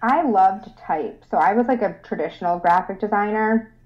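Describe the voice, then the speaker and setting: A woman's voice: mid-range voice, normal speed. A young adult woman from Rochester, New York, speaking as a guest in a casual interview, bubbly and eager, laughing often. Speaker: guest designer. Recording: dull lo-fi sound.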